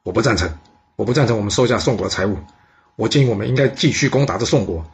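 A man's voice: fairly low pitch, lively intonation, fast talker. A man voicing a principled ancient ruler who objects insistently and indignantly.

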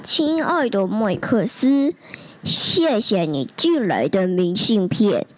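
A woman's voice: medium pitch, very animated, slow pace. A woman voicing a huge, homesick young male T. rex in a storybook, earnest and wide-eyed, as if reading to a toddler. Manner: earnest, wide-eyed, simple childlike phrasing. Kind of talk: storybook character letters read to a toddler.

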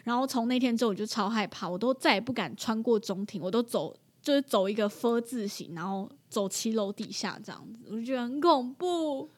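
A young mother tells a story in a casual chat, animated and laughing often. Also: on the high side, a little fast, hardly any pauses. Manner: animated, laughs often, acts out her own reactions.

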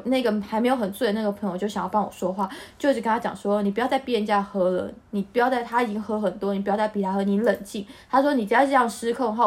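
Podcast host, woman, Taiwanese Mandarin accent, animated storyteller, high and quick. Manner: animated, bursts into laughter while telling. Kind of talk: casual storytelling chat.

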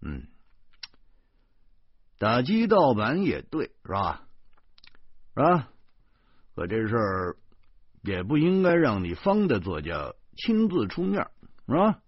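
A man's voice: mid-range voice, huge pitch swings, slow pace, pauses often, slightly rough, no room sound, full character voice. A man doing a weary beat cop. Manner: drawling, lecturing, with tag questions. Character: weary middle-aged male neighborhood cop, patient lecturing. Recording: dull lo-fi audio.

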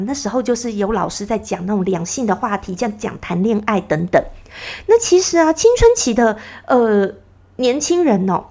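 A woman's voice: on the high side, dark tone. A woman hosting her own podcast, talking in an earnest, advising way and acting out little scenes as she retells them. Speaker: podcast host. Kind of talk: casual reflective monologue.

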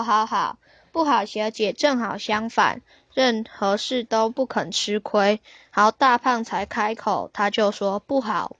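A woman reads a bedtime-style story for children, slow and gentle in her delivery. Her voice sits fairly high and the recording is dry and close. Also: no echo.

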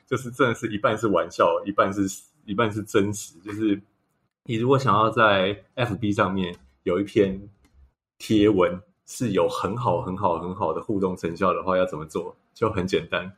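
Low-voiced Taiwanese man, chatty storyteller. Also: fairly even intonation, normal speed, fairly bright tone. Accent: Taiwanese Mandarin. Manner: laughs often, storytelling. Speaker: podcast co-host. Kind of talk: casual chat.

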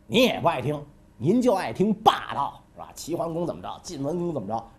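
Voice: mid-range voice, big pitch swings, brisk, pitched below the performer's own voice. A storyteller voicing a scheming, ambitious male scholar-adviser who talks in a fawning, wheedling way. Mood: persuasive. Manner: fawning, wheedling, keeps asking "right?". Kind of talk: comic history storytelling.

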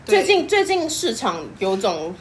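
Lady host, high swoopy voice, quick jokey quips. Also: sing-song. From Taiwan. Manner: quick reactive comments and teasing. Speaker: podcast host. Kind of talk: casual podcast chat. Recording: clear background noise.

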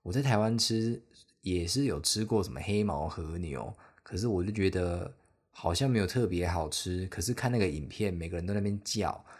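A man's voice: sits low, expressive, normal speed, a little mellow, slightly rough. A young man with a Taiwanese Mandarin accent hosting a solo podcast, telling a travel story in a rambling, self-deprecating, chatty way. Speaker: podcast host.

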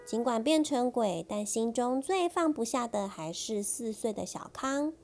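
A woman reading a picture book aloud to her child in a playful, gentle way. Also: fairly high pitch, lively intonation, measured pace, soft background music. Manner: playful, acts out characters with voices. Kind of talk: storybook read-aloud to a child.

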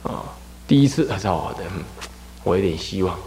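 A Buddhist abbot from Taiwan gives a brisk dharma lecture in a gravelly voice that swings widely in pitch. He animates his points by acting out scolding parents and crying children. The talk echoes through a hall with a long, trailing reverb.

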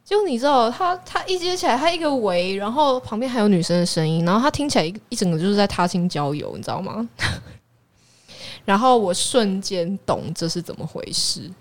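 A young woman with a Taiwanese Mandarin accent tells a story on a relaxed chat show. Her pitch sits mid-range and swings around a lot. She sounds animated and exasperated. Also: a little fast. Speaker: podcast co-host.

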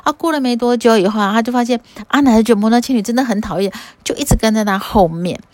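A woman's voice: on the high side, fast, a little mellow, no room sound. Brief: woman storyteller, casual and chatty, fillers throughout, dry close mic. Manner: chatty, with frequent fillers and trailing endings.

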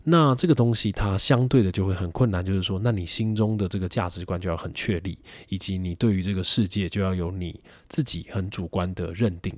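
Young man, Taiwanese Mandarin accent, solo podcast host, reflective, rambling, low voice, dry close mic. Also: fairly quick, few pauses, no room sound. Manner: reflective, rambling, many fillers. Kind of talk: casual solo podcast talk.

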